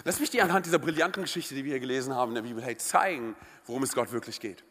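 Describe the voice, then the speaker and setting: A man preaching a lively, conversational sermon to a church congregation, often checking in with a quick question. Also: mid-range voice. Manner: energetic, conversational, asks the congregation "oder?". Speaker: pastor. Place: church service hall. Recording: live church hall reverb.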